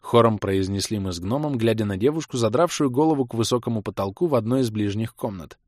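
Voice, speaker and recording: A man's voice: fairly low pitch, expressive, quick pace, dry recording. A man narrating a fantasy audiobook in a tense, dramatic manner, close to the mic. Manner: tense, dramatic, hushed in suspense.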